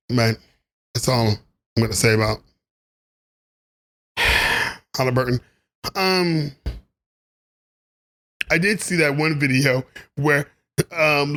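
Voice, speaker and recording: A man's voice: mid-range voice, fairly bright tone. A man delivering a rambling, opinionated basketball commentary monologue, laughing at his own asides. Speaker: sports commentary vlogger.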